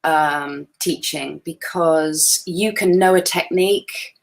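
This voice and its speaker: A woman's voice: sits low, slow pace, creaky. A woman in her forties, a photographer presenting in a chatty, self-deprecating way over a video call. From Wales. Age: 40s. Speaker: guest photographer. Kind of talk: webinar presentation.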